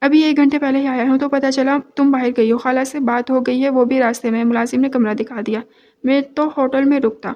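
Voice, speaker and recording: An easygoing young male doctor who speaks plainly and teases a little, voiced by a high-voiced woman narrator. The reading stays close to her own voice. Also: steady tone, lo-fi sound, natural voice. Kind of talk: audio novel reading.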